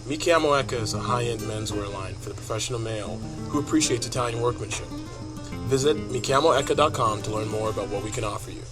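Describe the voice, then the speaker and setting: A man reading a scripted sponsor message in a smooth, promotional voice. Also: mid-range voice, quick pace. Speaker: announcer. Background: guitar music.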